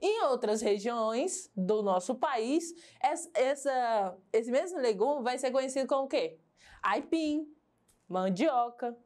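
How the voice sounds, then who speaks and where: Woman, teacher, televised lesson, fairly high pitch, explains step by step. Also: lively intonation, slow pace, darkish tone. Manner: explains step by step, asks and answers her own questions. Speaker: Portuguese teacher.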